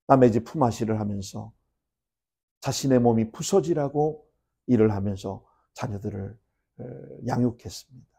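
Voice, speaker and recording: A middle-aged man preaching from the pulpit in a mellow, darker voice at an ordinary male pitch. His delivery swells to loud, fervent climaxes on key phrases, then falls to quiet, settled line endings, the cadence of a seasoned senior pastor. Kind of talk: sermon.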